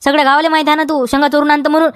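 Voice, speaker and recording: A woman's voice: high voice, level tone, rapid-fire, no room sound, studio quality, close to an everyday voice. Woman playing a nagging village farmer. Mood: accusing. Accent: Vidarbha Marathi. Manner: nagging, repeats demands, keeps tagging "हा?". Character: scolding village farmer man guarding his field. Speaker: comedy sketch actor. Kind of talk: village comedy sketch.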